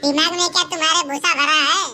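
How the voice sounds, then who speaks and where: A woman voicing a sharp-tongued young girl who scolds two boys in a shrill, fed-up way. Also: steady tone, a little fast, full character voice. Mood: scolding.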